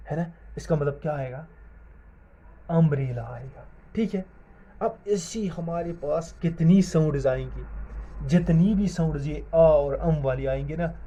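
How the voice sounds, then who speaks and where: A man's voice: fairly high pitch, mellow, breathy edge. A man teaching English grammar in a video lesson. He spells words out letter by letter and asks the class questions, then answers them himself. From Jammu and Kashmir. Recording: dull lo-fi sound.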